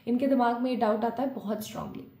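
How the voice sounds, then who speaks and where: A woman's voice: fairly high pitch, steady tone, fast, mellow. A woman giving a collective tarot reading, explaining the cards and mixing English phrases into her Hindi as she addresses her viewers. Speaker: tarot card reader. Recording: roomy echo.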